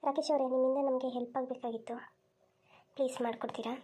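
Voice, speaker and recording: A woman's voice: high-pitched, level tone, fast talker, warm tone. A woman voicing a polite young college girl in a cartoon who asks a favour. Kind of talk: cartoon voice acting.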